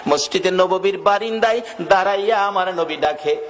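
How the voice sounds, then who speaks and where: A male preacher tells a story in a melodic, chanted sermon. His voice is high for a man and swings from low murmurs to shouted peaks. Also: normal speed.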